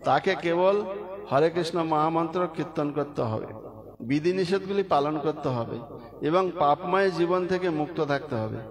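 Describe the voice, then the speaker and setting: A man's voice: a little high, normal speed. A man giving a devotional sermon, telling stories and leading the listeners in chanting. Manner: storytelling, leads chanting. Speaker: preacher. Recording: crowd noise behind.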